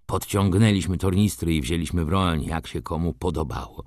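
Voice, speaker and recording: A man reading a story aloud in the first person, with expressive scripted narration. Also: low-pitched, moderate pace, dry recording, studio quality. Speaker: audiobook narrator.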